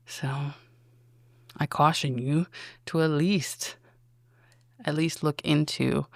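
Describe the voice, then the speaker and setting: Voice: medium pitch, creaky, no room sound, clean studio sound. A podcast host with a military background talking casually on their own, rambling and asking many rhetorical questions. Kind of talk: casual solo commentary.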